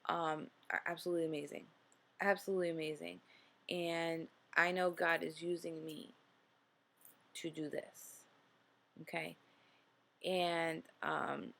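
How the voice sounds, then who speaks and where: A woman's voice: on the low side, creaky. A woman in her late twenties with a New Jersey accent, talking earnestly to camera in a casual motivational vlog, full of fillers and "okay?" check-ins. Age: 20s. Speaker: vlogger host.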